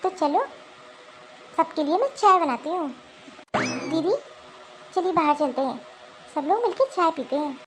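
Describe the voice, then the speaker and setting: A woman voicing a sweet, polite young daughter-in-law in an animated cartoon, coaxing gently. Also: very high-pitched, measured pace, long pauses, a little hiss or hum, full character voice, poor audio.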